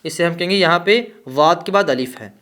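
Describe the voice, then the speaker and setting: A man teaching an Arabic grammar lesson, who keeps asking rhetorical questions and then answers them himself. He slows down to spell out each example word. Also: a little high, fairly bright tone.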